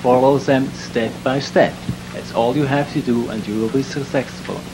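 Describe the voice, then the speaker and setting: A man's voice: mid-range voice, steady tone, moderate pace. A man from Switzerland who works in direct marketing, giving an earnest, emphatic testimonial. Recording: hissy background noise.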